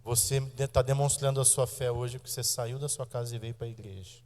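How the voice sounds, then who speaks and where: A Brazilian pastor in his thirties preaches a sermon in a church sanctuary with a Brazilian Portuguese accent, his mid-pitched, steady, darkish voice trailing long reverb through the hall. He addresses the congregation directly and emphatically, drawing some phrases out slowly and rushing through others.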